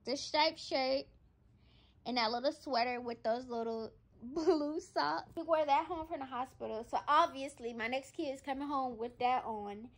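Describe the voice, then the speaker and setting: Filming a casual vlog on a floor-mounted camera, this twenty-something woman talks away while folding and packing in her home nursery, sorting clothes into boxes. She speaks at a normal speed in a high-pitched voice.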